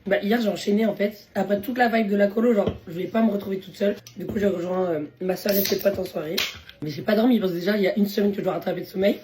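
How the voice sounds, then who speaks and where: Young woman vlogger, hoarse voice, quick and chatty, slangy, mellow low-toned timbre, casual phone-to-camera delivery. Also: steady tone, soft background music. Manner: chatty, slangy, laughs often. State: hoarse, voice worn from talking. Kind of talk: casual chatty food vlog.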